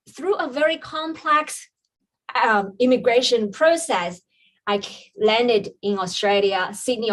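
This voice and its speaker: Appearing as a guest on a podcast, a woman from China who works as a business coach recounts her personal story. Her voice is a little high, and her storytelling is earnest and reflective, sprinkled with frequent ums.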